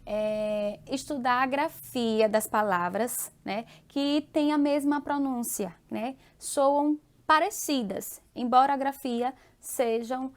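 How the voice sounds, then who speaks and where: A woman from Brazil teaching a remote class, affectionate and patient, often checking in with tag questions and repeating example words slowly. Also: high-pitched.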